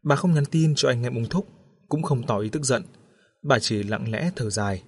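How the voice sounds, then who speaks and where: Casual: guy reading out a spooky tale, calm and steady, middle pitch. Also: moderate pace, husky. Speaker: storyteller. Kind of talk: scripted horror story narration.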